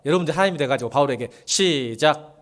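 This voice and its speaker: Lively high-voiced pastor, jokes around with the congregation, suddenly yells, twang here and there. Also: male voice, quick pace. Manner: animated, joking with the congregation, bursts into shouting. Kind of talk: sermon. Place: church sanctuary.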